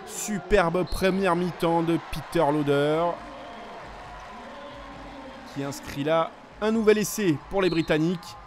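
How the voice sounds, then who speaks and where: A man giving excited sports commentary, calling the play as it happens with urgency on each attack. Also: fairly high pitch, normal speed, a little hiss or hum.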